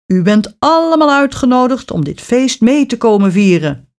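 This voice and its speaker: A woman voicing a male royal messenger in a storybook who makes a loud announcement. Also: fairly high pitch, sing-song, moderate pace, voice pushed up. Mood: proclaiming.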